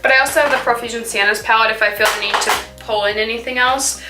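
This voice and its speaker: A woman's voice: a little high, steady tone, quick pace. A teenage girl chatting casually through a makeup routine as a beauty vlogger, saying "like" often and trailing off mid-thought. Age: teens. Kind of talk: casual makeup tutorial chat. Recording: echoey room with faint music.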